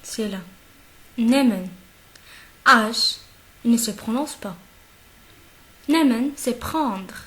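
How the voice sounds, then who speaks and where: Slow, deliberate woman teaching a lesson. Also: on the high side, expressive, pushed and bright. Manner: slow and deliberate, repeats each word several times; checks in often with the listener. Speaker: German teacher. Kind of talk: slow classroom-style language lesson.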